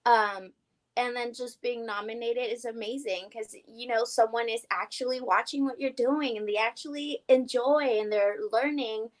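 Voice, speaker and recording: A young adult woman, an award-winning guest, talking excitedly in a casual interview chat. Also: a little high, moderate pace, poor audio. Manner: excited, upbeat, talkative.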